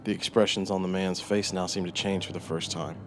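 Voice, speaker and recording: A man narrating a scripted horror story with a dramatic delivery that moves between hushed menace and eager swells. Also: low-pitched, level tone, fairly quick, a little hiss or hum.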